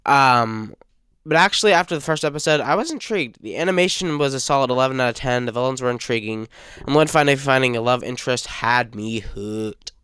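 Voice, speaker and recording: A man's voice: mid-range voice, animated, brisk, fairly bright tone, smooth, no room sound, studio quality. A young man reviewing a cartoon series in casual fan talk, rambling and hesitant, sick and stuttering. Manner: rambling, hesitant with frequent uh fillers. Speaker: fan channel host.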